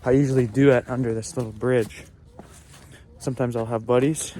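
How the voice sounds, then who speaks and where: A young male vlogger stands in a cold stream under a small bridge, chatting unscripted to a handheld phone or camera and pausing haltingly as he endures the chill. His mid-range voice is steady and dark. Outdoor background noise and ambience come through clearly.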